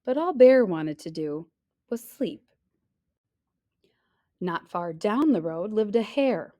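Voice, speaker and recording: With a mid-range voice, a woman reads a children's picture book out loud in a measured, expressive storytelling style.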